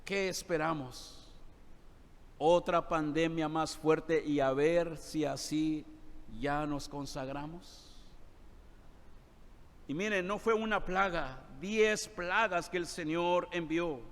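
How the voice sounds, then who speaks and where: Pastor, male, high voice and unhurried delivery, preaching in a church with a long reverb. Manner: preaching with rhetorical questions, addressing "hermanos". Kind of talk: sermon. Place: church sanctuary.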